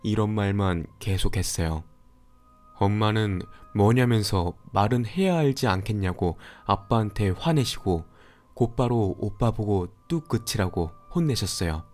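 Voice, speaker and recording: A man calmly narrating a scary story for a horror radio show. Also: lowish voice, measured pace, soft background music. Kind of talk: scripted horror story reading.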